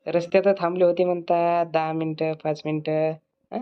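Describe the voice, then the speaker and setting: A woman's voice: fairly low pitch, little pitch movement, normal speed, smooth, muffled recording, lightly acted. A woman voicing a sly, wheedling village schoolboy in a cartoon. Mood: sly teasing. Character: Pappya, sly village schoolboy, pleading and cheeky.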